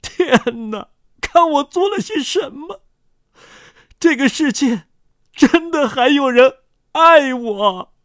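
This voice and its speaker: A storyteller voicing a remorseful male criminal in a children's story, pleading and sobbing in a strained, high voice. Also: lively intonation, slow pace, long pauses, a bit bright, no echo, clean studio sound, full character voice. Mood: anguished disbelief.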